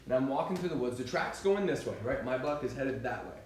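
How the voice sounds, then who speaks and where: A young man giving a live seminar talk, telling hunting stories fast and animated, checking in with the audience again and again. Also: mid-range voice, recorded from a distance, a little hiss or hum. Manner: fast and animated, keeps asking "right?". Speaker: seminar co-presenter, deer hunter. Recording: echoey hall, mic from afar.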